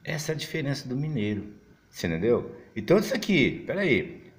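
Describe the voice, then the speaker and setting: Animated, chatty man. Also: fairly quick. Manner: animated, big pitch swings, mimics other voices; chatty, frequent fillers and restarts. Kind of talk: casual monologue to camera.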